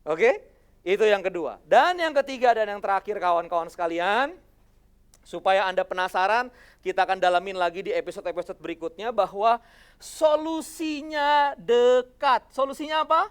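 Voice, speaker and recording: A motivational religious speaker, giving an animated talk on television, firing rhetorical questions and acting out quoted voices. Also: medium pitch, moderate pace, smooth. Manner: addresses the audience as friends.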